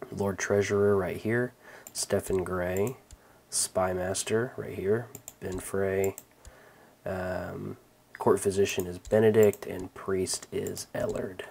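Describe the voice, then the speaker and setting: A man hosting a let's-play, calmly talking through his moves with many ums and restarts. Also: low-pitched, gravelly, slight background noise. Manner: relaxed, rambling, many fillers and restarts. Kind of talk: casual gameplay commentary.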